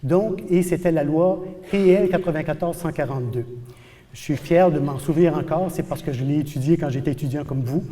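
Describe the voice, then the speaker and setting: A man from New Brunswick, Canada, giving an animated, emphatic university lecture as a professor in a lecture hall. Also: fairly high pitch, a little fast. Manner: animated, emphatic explaining, repeats for stress. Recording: long hall reverb.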